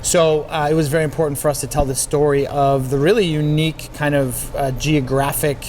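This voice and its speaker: New england chef guy being interviewed, slow and thoughtful, says um and you know a lot, faint noise behind. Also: a little high, little pitch movement, a little mellow. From New England, United States. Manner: thoughtful, measured, with many fillers. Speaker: chef and cookbook author, guest. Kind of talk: conversational interview.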